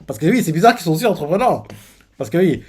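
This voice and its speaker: A man's voice: fairly high pitch, very animated, quick pace, a little mellow, husky. A man hosting a live manga reaction, casually retelling the panels with lots of fillers and restarts.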